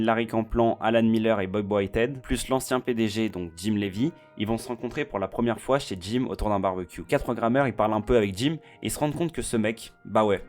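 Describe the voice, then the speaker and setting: A man's voice: on the low side, darkish tone. A man narrating a video essay from a script in a chatty, slangy way, speaking straight to the viewer. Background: faint background music.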